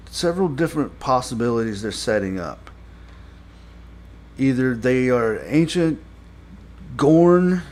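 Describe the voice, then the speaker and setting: A man giving a casual spoken review, rambling and halting with many fillers and restarts, blunt and critical. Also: medium pitch, a little mellow. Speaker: show reviewer.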